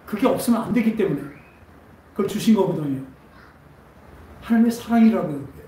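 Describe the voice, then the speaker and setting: A man's voice: high voice, lively intonation, brisk, warm tone. A man preaching a Sunday sermon as pastor, asking his congregation question after question. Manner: asks the congregation many questions. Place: church sanctuary. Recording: echoey church hall from far off.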